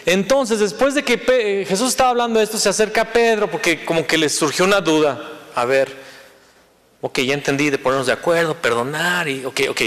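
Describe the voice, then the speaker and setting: High-voiced pastor preaching. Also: male voice, a little fast, fairly bright tone, big-room sound. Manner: conversational, teasing the congregation. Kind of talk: sermon. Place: church sanctuary.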